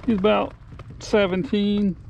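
A man's voice: high-pitched, steady tone, measured pace, gravelly, a little mellow, lo-fi sound, a little hiss or hum. A man fishing from a kayak, talking to himself in short exclamations, recorded outdoors on an action camera. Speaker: kayak angler filming himself. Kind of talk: muttered self-talk while fishing.

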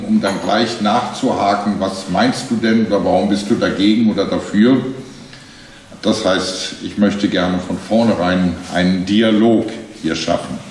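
An older man speaks in a relaxed, digressive and wry way as a guest lecturer, his voice on the low side. The sound is very roomy and a little distant, as if the microphone catches him from afar in a large hall. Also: a little hiss or hum. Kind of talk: public lecture. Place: dark theatre bar stage, spotlit. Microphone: desk microphone. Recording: very echoey room, voice from off-mic.

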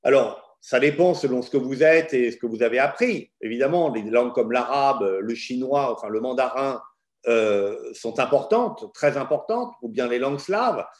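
A man's voice: mid-range voice, moderate pace. A middle-aged man, a law professor and arbitrator, giving frank, opinionated answers to student questions in an online session. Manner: frank, opinionated, lively explanations.

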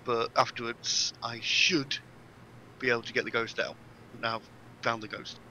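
A man's voice: mid-range voice, fairly even intonation, moderate pace, bright, forceful tone, slight background noise, low-quality recording. A man playing a tabletop game, describing his character's actions in a hesitant way with many restarts. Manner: hesitant, restarts and ums while planning. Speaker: player. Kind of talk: casual tabletop game play.

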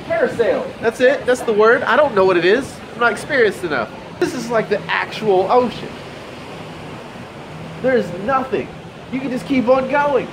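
A fishing vlogger in his twenties with a Southern US accent talks chattily and with amazement to a handheld camera held at arm's length while on vacation, moving between a condo balcony, the beach and a big store. His voice is extremely high with lively intonation at normal speed, against a noisy background.

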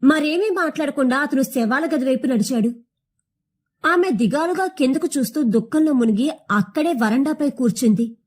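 A woman's voice: high voice, animated, moderate pace. A young woman reading a short story aloud in a somber, emotive manner. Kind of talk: scripted narration of a short story.

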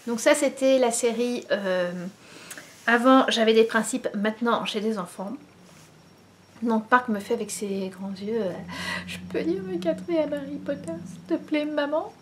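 Speaking at a measured pace in a fairly high voice, a French knitting vlogger in her thirties chats to camera at home. Indoors in her living room, framed head and shoulders by a front camera, she rambles with many fillers and restarts amid slight background noise.

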